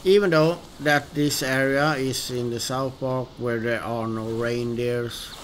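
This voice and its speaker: A man with a Swedish accent talks unhurriedly through his gameplay. He has an average-pitched voice and pauses often, restarting his sentences as he thinks aloud. A faint ambient hiss sits under him. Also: steady tone. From northern Sweden. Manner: hesitant and musing, many pauses and restarts. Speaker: gaming video host. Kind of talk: relaxed let's-play commentary.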